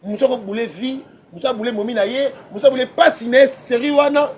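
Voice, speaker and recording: A man, debating music as a guest commentator, excitable and quick to laugh, often repeating his words. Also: very high-pitched, slight background noise. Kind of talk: heated casual debate.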